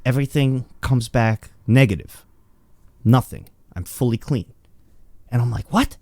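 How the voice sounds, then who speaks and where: A man's voice: mid-range voice, a little slow, vocal fry, no room sound. A young man telling a comedic personal story in a casual, stammering way, acting out the voices of the people in it. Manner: animated, stammering, acts out voices.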